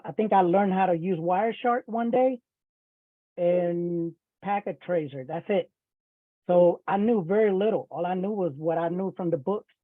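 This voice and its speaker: Over thin, phone-like video call audio, a high-voiced man from Puerto Rico presents a casual webinar on cybersecurity, his field. The recording is dry, and he frequently repeats himself and starts over.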